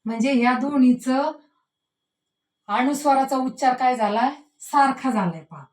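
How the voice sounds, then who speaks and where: A woman teacher with a fairly high voice walks through a grammar lesson. She draws out each example word slowly and keeps ending sentences with the same tag word. Her voice rings in an echoey room. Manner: repeats a tag word at line ends; slows and stresses words she demonstrates.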